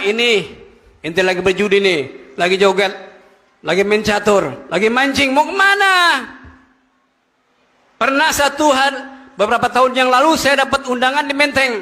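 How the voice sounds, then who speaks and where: A man preaching a Friday sermon, telling stories with animated, emphatic rises. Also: extremely high pitch, normal speed, long pauses. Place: mosque. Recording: echoey hall.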